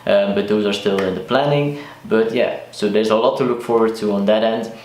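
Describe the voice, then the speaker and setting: A man's voice: lowish voice, fairly even intonation, fairly quick, a little mellow, slight background noise. Flemish young man, echoey bare room. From Belgium, Flanders. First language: Dutch. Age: 20s. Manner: chatty, full of likes and restarts. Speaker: car vlogger. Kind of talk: casual vlog talk to camera. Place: sparsely furnished room in a new house.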